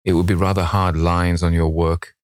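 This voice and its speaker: A man's voice: deep voice, flat delivery, normal speed, no room sound, studio quality, lightly acted. A man voicing a witty, self-assured aristocrat with a flippant manner in a novel reading. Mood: amused.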